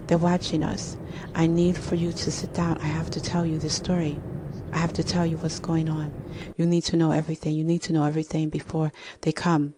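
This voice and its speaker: Woman reading a restless paranoid young woman, urgent, repeating lines, low flat voice. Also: brisk, few pauses, background noise, close to an everyday voice.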